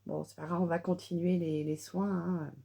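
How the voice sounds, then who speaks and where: A woman's voice: lowish voice, level tone, moderate pace, gravelly, dark tone. A middle-aged woman chatting through a casual makeup tutorial, with many fillers and restarts. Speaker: beauty vlogger.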